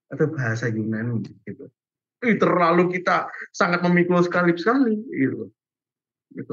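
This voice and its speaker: A man's voice: on the high side, fairly bright tone, husky. A young man giving a casual online Bible lesson, chatty and informal, peppering his talk with fillers and laughing easily. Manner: chatty and informal, many fillers like "gitu" and "guys", laughs often. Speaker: Bible class teacher. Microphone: video call. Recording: muffled video call audio.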